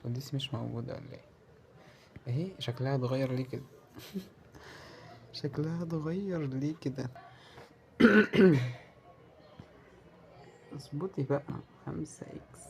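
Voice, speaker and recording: A man with an Egyptian Arabic accent giving live commentary as he plays a slot game, muttering and pleading with it and breaking into loud cheers. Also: mid-range voice, moderate pace, long pauses, slight background noise. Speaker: gamer playing a slot game.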